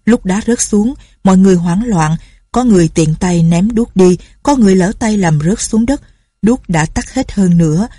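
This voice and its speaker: A woman narrating a martial arts novel as an audiobook, in an even, measured reading. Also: on the low side, breathy edge, no room sound, clean studio sound.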